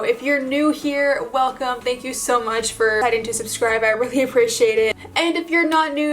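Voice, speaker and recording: A woman vlogger talking casually to her viewers in a bubbly, gushing, informal way, as in a makeup tutorial. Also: on the high side. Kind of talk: casual chatty vlog tutorial addressed to viewers.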